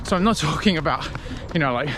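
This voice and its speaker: A man talking casually to camera as a running vlogger, in a reflective, conversational way with halting short phrases. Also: on the high side, expressive, background noise. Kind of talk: casual vlog talk to camera.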